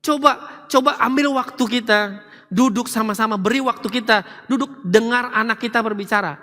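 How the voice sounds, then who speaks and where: Animated male pastor in a reverberant church. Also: very high-pitched, normal speed. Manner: animated, acts out family members in quoted voices. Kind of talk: sermon. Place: large church hall. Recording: church hall with long reverb.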